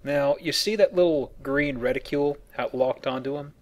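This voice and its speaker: A video game let's player, a man with a slightly high voice, talks a little fast as he plays and explains a game, offering casual, joking commentary in a colloquial style. There's a little hiss or hum.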